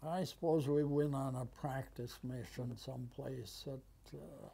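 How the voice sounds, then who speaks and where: An American man in his nineties with an aged voice, recounting memories conversationally and haltingly, with long pauses. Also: mid-range voice, steady tone, vocal fry, mellow, slight background noise. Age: 90s. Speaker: war veteran being interviewed. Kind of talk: conversational reminiscence. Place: small office, indoors. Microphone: lapel mic.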